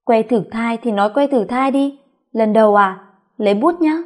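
A woman's voice: on the high side, moderate pace, close to an everyday voice. A woman voicing a brusque, impatient middle-aged female pharmacist who talks bluntly and mutters.

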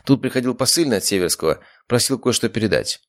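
A curious young woman receptionist, as a male storybook reader puts her on, lively and polite, in a voice lifted above the reader's usual low range. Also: fast talker, lightly acted.

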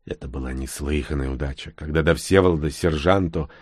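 A man narrating an audiobook in a steady, tense storytelling manner. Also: very deep voice, fairly quick, no echo, clean studio sound. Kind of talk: scripted narration.

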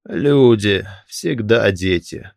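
A man voicing a calm, sympathetic one-eared dead man speaking to a living visitor. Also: on the low side, very slow, creaky, dry recording, studio quality, full character voice.

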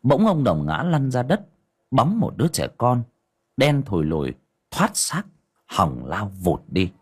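A man's voice: medium pitch, wildly swooping pitch, unhurried, slightly rough. A man narrating an audio story with dramatic expression.

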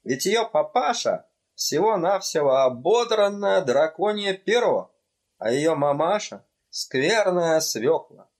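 A male reader voicing an excitable young student in a storybook, fervent and a bit raised. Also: fairly high pitch, voice pushed up. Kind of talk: audiobook character voice.

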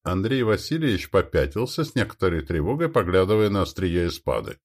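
A man narrates an audiobook with a lowish voice that rises and falls a lot. His reading is expressive and storyteller-like, shaping each sentence for the listener. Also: a little fast.

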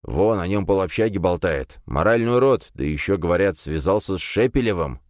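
A blunt young student friend grumbles casually, as a male reader plays him. The voice stays low and close to the reader's own, dry and near the mic. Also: lively intonation, fairly quick, darkish tone, no echo.

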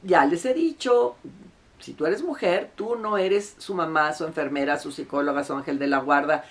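A woman's voice: deep voice, moderate pace. A middle-aged woman counselor giving relationship advice straight to camera, earnest and emphatic. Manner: earnest and emphatic, acting out quoted clients.

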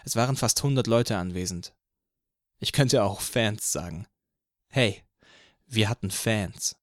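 A man narrating an audiobook in the first person with an even, measured reading from a close studio mic. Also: lowish voice, no echo.

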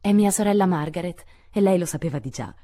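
A woman reading aloud and voicing a lively, outspoken tomboyish teenage girl, speaking in an eager, exclamatory way. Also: fairly low pitch, quick pace, voice pushed up, natural voice. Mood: delighted.

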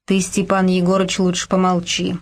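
A woman's voice: lowish voice, completely flat delivery, normal speed, natural voice. Woman voicing a bullying male Soviet official. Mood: menacing.

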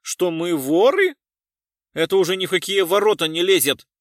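A man voicing a touchy, pompous male cultural worker who complains loudly and haughtily. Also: on the low side, unhurried, dry recording, clean studio sound, voice pushed down. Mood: haughty.

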